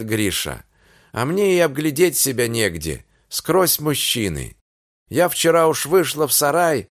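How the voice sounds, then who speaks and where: A man's voice: medium pitch, no room sound, clean studio sound. A man voicing a weary, complaining Cossack peasant woman in an audiobook reading. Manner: plaintive, complaining.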